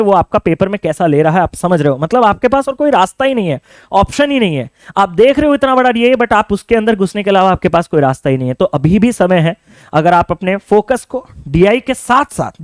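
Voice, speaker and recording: A young man with a high voice coaches exam students, urging them on earnestly and asking them to think things through. The sound is close and dry, with no room echo. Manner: earnest, urging, addresses students directly with rhetorical questions. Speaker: online exam coaching educator. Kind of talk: direct-to-camera coaching talk.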